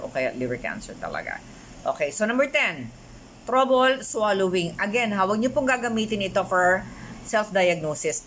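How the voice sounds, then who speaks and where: A middle-aged woman from the Philippines giving a health talk to her viewers, chatty, switching often into English and full of animated asides. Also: lowish voice, a little hiss or hum. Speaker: health vlogger. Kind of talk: casual talk to camera.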